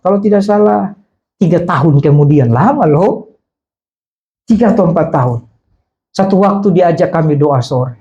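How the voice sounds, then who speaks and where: A middle-aged man preaching a sermon, telling a personal story in an animated way and acting out the voices of the people in it. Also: fairly high pitch. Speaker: pastor.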